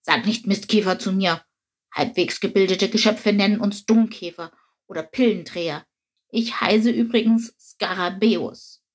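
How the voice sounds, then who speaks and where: A woman's voice: mid-range voice, a little slow. Skarabäus, a woman doing a grumpy old beetle. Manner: gruff, then patiently explaining. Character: grumpy proud old male dung beetle. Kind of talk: storybook reading.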